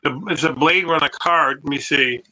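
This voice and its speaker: Bright-voiced man on a clipping, distorted phone mic. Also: fairly high pitch, a little hiss or hum. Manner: rambling, halting restarts. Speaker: co-host of a collectibles show. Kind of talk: casual online show chat.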